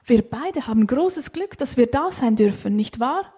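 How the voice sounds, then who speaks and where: Friendly storybook donkey, easygoing, soft breathy tone, as a woman narrator puts it on. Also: on the high side, animated, unhurried. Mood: cheerful. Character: cheerful good-natured little donkey.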